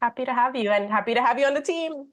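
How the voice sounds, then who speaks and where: A woman hosting a community radio show, talking in an enthusiastic, animated way. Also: high voice, fast. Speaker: radio host.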